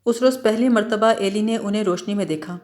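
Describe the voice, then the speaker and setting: A woman narrating a literary novel in a calm, measured audiobook reading. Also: mid-range voice.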